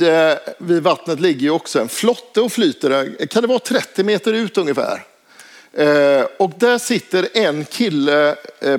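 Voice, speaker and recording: A man telling a personal anecdote in a casual spoken way, hesitant and full of filler sounds. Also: a little high. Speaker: storyteller.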